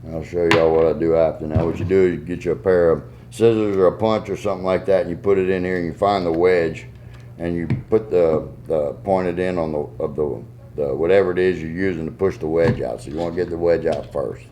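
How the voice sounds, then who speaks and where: A man's voice: sits low, fairly even intonation, fairly quick, warm tone, a little hiss or hum. A man with a Southern US accent giving a casual hands-on tutorial in a folksy, step-by-step way. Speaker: goose call maker giving a tuning demonstration.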